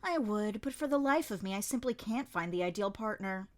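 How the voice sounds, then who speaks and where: A woman voicing a smooth, shameless young nobleman in a fan audiobook, coaxing and teasing as he pushes a scheme. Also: mid-range voice, animated, a little fast, natural voice. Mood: wheedling.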